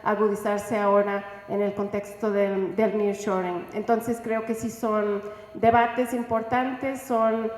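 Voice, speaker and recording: Brief: woman panelist, flat and slow delivery, roomy hall sound. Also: mid-range voice. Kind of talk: panel talk. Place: large hall at a book presentation. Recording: echoey hall.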